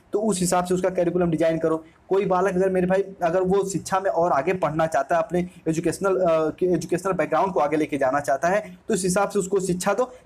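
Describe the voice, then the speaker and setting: Husky-voiced man teaching a lesson. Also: on the high side, a little mellow. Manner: explains in repeated restatements, addresses listeners as "my brother". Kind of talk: exam-prep lecture.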